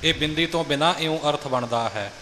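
Bright-voiced man explaining pronunciation. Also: fairly high pitch, brisk, in a large hall, a little hiss or hum. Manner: patient, explanatory, repeats and models lines. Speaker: recitation teacher. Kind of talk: pronunciation instruction.

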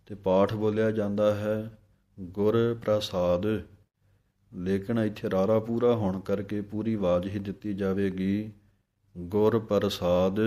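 Low, mellow-voiced man teaching recitation. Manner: alternates slow chanted recitation with quicker spoken explanation. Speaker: scripture pronunciation teacher. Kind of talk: recitation lesson.

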